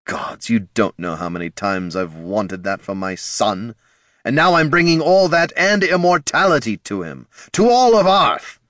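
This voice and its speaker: A scheming undead overlord speaks with silky condescension, his voice climbing high as he lays out his grand designs. A man with a deep voice puts him on for an audiobook. The sound is dry and close. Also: sing-song, unhurried, fairly bright tone, no echo. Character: scheming male lich overlord, smug and cold.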